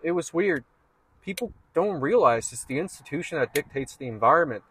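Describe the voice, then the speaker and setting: A man's voice: a little high, a little fast, slight background noise. A young man from Canada, co-hosting a casual chat and rambling with lots of "like" and "man". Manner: relaxed, rambling, says "like" and "man" a lot. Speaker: co-host.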